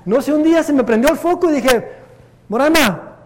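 High-voiced preacher in an echoing hall. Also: male voice, fast talker. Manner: lively storytelling preacher, switching between Spanish and English. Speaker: pastor. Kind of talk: bilingual Sunday sermon with anecdotes. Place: church sanctuary.

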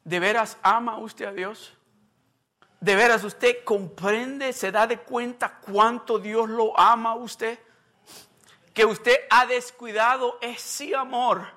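A man in his fifties preaching a sermon as a pastor, going from quiet, low-key talk to loud, fervent preaching. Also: steady tone, slow. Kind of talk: bilingual sermon.

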